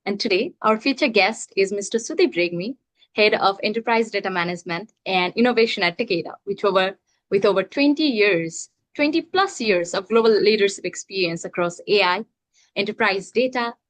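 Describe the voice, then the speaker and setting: Woman host, mid-pitched, friendly, welcoming an online audience, dry close video-call sound. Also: expressive, fairly quick, no echo. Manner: friendly, encouraging audience to interact. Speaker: event host. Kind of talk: hosting an online speaker series.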